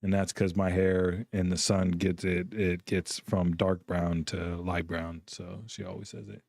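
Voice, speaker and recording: A man's voice: low-pitched, little pitch movement, a little slow, vocal fry, darkish tone, no room sound, clean studio sound. A middle-aged man, chatting casually and tiredly to his stream audience in a rambling, easygoing way and chuckling between thoughts. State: tired, yawning. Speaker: gaming streamer host. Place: home gaming room with a green screen.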